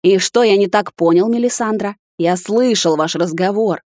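A woman's voice: medium pitch, moderate pace, a little mellow, no room sound, studio quality, close to an everyday voice. A woman voicing a huge, jealous male captain who growls his threats. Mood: menacing.

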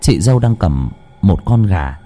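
A man tells a horror story in a low, mellow voice, letting it rise and fall with drama. He builds suspense slowly, and faint music plays beneath him. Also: sing-song. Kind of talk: scripted horror narration.

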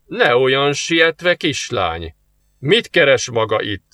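A man's voice: medium pitch, sing-song, sharp tone, no room sound. A man as a smug, suave male demon. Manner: smug, slow and teasing.

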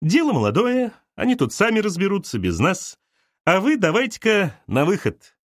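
A man's voice: high voice, huge pitch swings, normal speed, dry recording, studio quality, voice pushed up, exaggerated voice. A man reading an audiobook voices a bossy, scornful little older woman who lectures sharply.

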